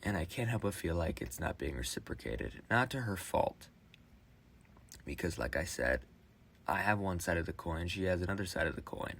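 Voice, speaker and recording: Young man, late teens, deep low voice, halting rambling monologue, phone voice memo. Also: lively intonation, creaky, a bit bright, slight background noise. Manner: halting, with restarts and fillers. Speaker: vlogger.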